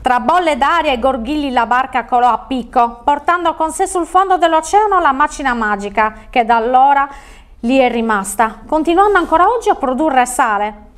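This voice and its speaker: A woman's voice: sits high, expressive, normal speed. A woman telling a fairy tale on a children's show, reading expressively.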